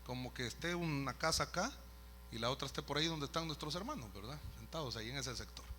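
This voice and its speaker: Man, pastor, storytelling sermon, conversational asides, bright tone, faint hum behind. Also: medium pitch, lively intonation, fast. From El Salvador. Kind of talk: sermon testimony.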